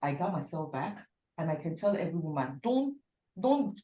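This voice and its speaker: Blunt woman in her 40s, lower voice, instructor addressing a class in an echoey room. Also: very animated, normal speed, mellow. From Nigeria. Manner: emphatic, blunt, repeats for stress. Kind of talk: frank motivational talk in class.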